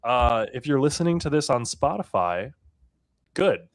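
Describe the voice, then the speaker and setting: A man's voice: medium pitch, sing-song, normal speed. A man hosting a casual marketing podcast, joking and emphatic as he talks. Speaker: podcast host.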